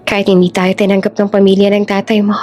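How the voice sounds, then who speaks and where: Female narrator playing a tired young mother-to-be, soft and steady, audio storybook. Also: medium pitch, quick pace, faint music behind, close to an everyday voice. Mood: tender. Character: Ella, weary young pregnant waitress, resilient.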